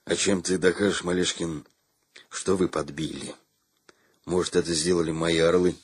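A man voicing a calm older colonel who asks slow teasing questions. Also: low-pitched, husky, dry recording, pitched below the performer's own voice. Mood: wry.

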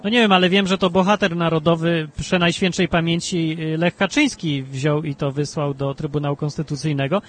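A male talk radio host chatting about politics in an animated, rambling way, with emphatic bursts and frequent restarts. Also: brisk, few pauses. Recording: low-bitrate talk radio stream with faint music.

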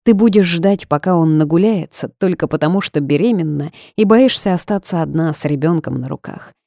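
A woman's voice: low-pitched, brisk, vocal fry, mellow, no echo, studio quality. A woman voicing a blunt, outspoken young male bartender, speaking frankly and lecturing.

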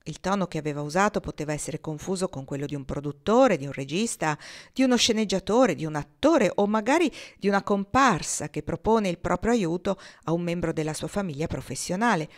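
A woman reading a novel aloud, measured and expressive. Her voice sits on the low side for a woman. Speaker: reader.

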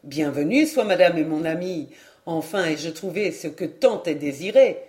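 A woman's voice: sits low, expressive, normal speed, darkish tone, pitched below the performer's own voice. A woman voicing a proud male knight in a storybook reading, speaking in a courtly, boastful manner.

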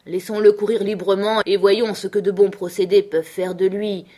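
A woman reading the lines of an earnest, gentle man who pleads for his wild dog in an audiobook. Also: medium pitch, flat delivery, moderate pace, natural voice.

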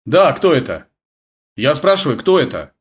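A man voicing a flustered, excitable young army sergeant who blurts and yelps his lines in an audiobook. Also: moderate pace. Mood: agitated. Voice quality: shrill, blurting, agitated. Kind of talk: audiobook character voice.

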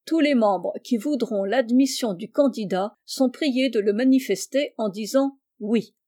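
A woman's voice: a little high, a little slow, warm tone. A woman voicing an eldest teenage girl who chairs a club meeting in a formal, official tone in a storybook.

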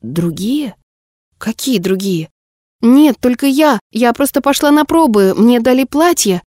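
A woman's voice: a little high, animated, measured pace, warm tone, dry recording, clean studio sound. A woman voicing a frightened, desperate young girl who pleads and cries out in an audiobook. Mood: confused. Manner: pleading, sobbing outbursts. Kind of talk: audiobook character voice.

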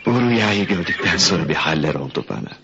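A young man haunted by a blood feud, his low voice swinging widely as he turns anxious and remorseful. He slips into whispered inner thoughts. The sound is muffled, with a faint hiss, like an archival radio play. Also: lively intonation, fast. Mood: dazed calm. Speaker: radio drama actor. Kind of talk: 1970s-style Turkish radio theatre acting.

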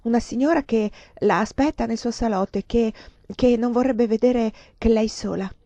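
A woman reading aloud, voicing a nervous young maid who speaks haltingly. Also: on the high side, dark tone, dry recording, voice pushed up, close to an everyday voice. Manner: hesitant, halting.

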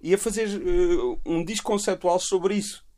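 A man's voice: high voice, normal speed, a loud crowd. A young man chatting casually with friends about music, explaining in slangy bursts with repeated starts.

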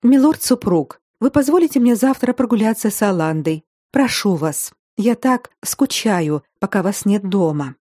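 A woman voicing an anxious, eager young noble lady who pleads in hurried tones. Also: medium pitch, animated, dark tone, no echo, clean studio sound, natural voice.

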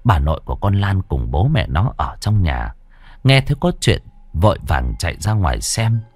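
Brief: male narrator, low and very lively reading, dry close sound. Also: moderate pace, husky, no room sound, soft background music. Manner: expressive, animated storytelling. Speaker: storyteller. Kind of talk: scripted story narration.

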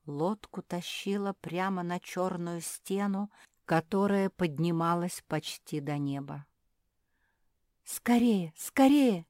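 A woman's voice: on the low side, fairly even intonation, a little slow, a little mellow, no room sound, studio quality. A woman storyteller expressively reading a children's story.

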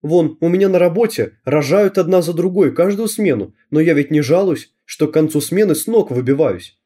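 A man's voice: a little high, expressive, moderate pace, mellow, breathy edge, pitched above the performer's own voice. A man voicing a vain, dismissive middle-aged mother who mocks and scolds her daughter.

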